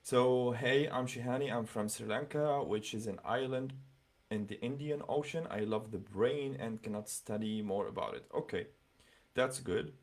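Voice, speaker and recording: A man's voice: mid-range voice, normal speed. Chatty man reading comments on a livestream. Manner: chatty, many fillers, reads comments aloud and reacts. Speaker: livestream host giving scholarship interview advice. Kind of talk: casual livestream talk reading viewer comments.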